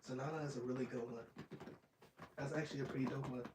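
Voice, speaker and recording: A man of twenty-five hosting an ASMR live stream, chatting casually and rambling, sometimes dropping into soft whispers. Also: medium pitch, quick pace, recorded from a distance. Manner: rambling and relaxed, drops into soft whispers at times. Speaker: ASMR channel host. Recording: roomy, off-mic sound with faint noise.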